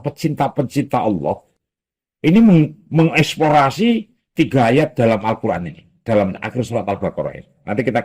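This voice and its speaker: A man giving a Quran commentary lesson at a boarding school, lively and acting out quoted speech. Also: medium pitch, breathy edge. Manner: animated, acts out quoted speech, mixes in local phrases.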